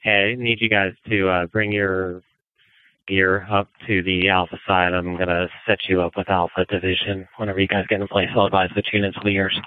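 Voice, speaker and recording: A man's voice: low voice, level tone, fairly quick. A man acting as fire incident commander, giving businesslike orders over the radio. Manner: businesslike, directive. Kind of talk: fireground radio dispatching. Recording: narrow, phone-like radio audio.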